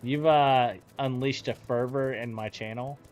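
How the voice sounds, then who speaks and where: A man chatting casually while streaming a video game, halting and fumbling for words. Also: mid-range voice, fairly even intonation, darkish tone. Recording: music behind the voice. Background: music.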